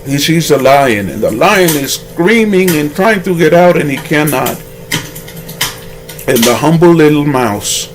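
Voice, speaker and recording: A man's voice: mid-range voice, background noise. A man giving rambling, moralizing commentary on a vlog and telling a fable, often restarting his sentences. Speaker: vlogger.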